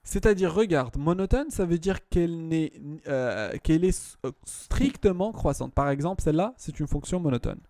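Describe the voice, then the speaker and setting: A man's voice: fairly high pitch, lively intonation, normal speed, hardly any pauses, mellow, no echo, studio quality. A man tutoring a student one-on-one in math, patient, often repeating himself and checking that she follows.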